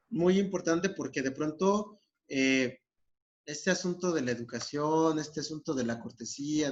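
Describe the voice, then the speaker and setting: A man's voice: fairly high pitch, a bit bright. A man with a Mexican accent explaining a therapy technique in a recorded lesson, often checking in with his listeners. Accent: Mexican Spanish. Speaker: psychologist. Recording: dull lo-fi recording.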